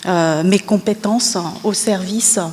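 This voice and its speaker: Woman lecturer from Vietnam, hesitant and filler-heavy, patient explainer; mid pitch, reverberant conference hall. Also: slow pace, a little mellow. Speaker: university lecturer presenting at a conference. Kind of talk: scientific conference presentation.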